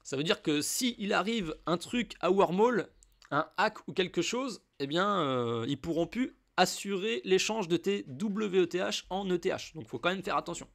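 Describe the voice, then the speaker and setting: A man's voice: sits high, animated, normal speed, gravelly, fairly bright tone. A man from France walking the viewer through a crypto tutorial in a casual, chatty way, with frequent fillers. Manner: chatty, addresses viewer informally with many fillers. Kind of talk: casual screen-recorded tutorial.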